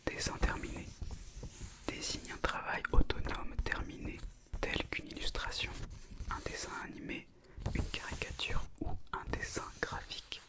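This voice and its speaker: A woman reads an educational script in an intimate, unvoiced ASMR whisper. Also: a little slow.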